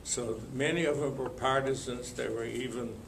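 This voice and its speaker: An older man from Lithuania, telling his life story to an audience in a slow, halting way with many pauses and fillers. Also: medium pitch, fairly even intonation, vocal fry, echoey room, slight background noise. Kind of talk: spoken testimony to an audience.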